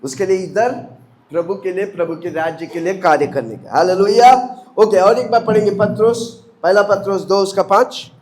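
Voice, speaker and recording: A man's voice: sits high, moderate pace, darkish tone. A man pastor from India preaching a sermon, asking the congregation questions and leading call-and-response.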